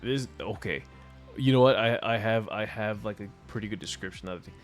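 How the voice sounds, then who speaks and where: A man on a game stream tells a rambling story, full of swearing and laughter. His voice sits somewhat low, and quiet music plays faintly underneath. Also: a little fast. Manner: profane, rambling, laughs often. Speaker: gaming streamer. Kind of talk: casual storytelling.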